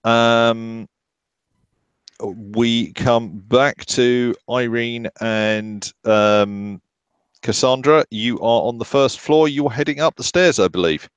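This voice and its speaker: A man running a tabletop horror game as game master, narrating haltingly with many ums and restarts. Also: medium pitch, smooth, no echo, dull audio.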